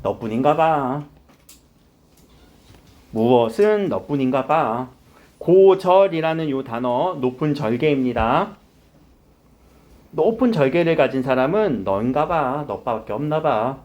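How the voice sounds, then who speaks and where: Animated male teacher lecturing a class. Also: mid-range voice, measured pace, pauses often, dull audio. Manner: lively, questioning the students often. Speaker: Korean literature teacher.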